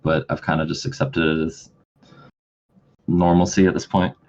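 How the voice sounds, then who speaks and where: A man's voice: a bass voice, flat delivery, moderate pace, a little mellow, faint music behind. A man running a tabletop game as game master, chatting casually and rambling on a livestream. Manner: rambling, self-deprecating. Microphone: webcam setup at home. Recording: dull lo-fi mic with faint noise.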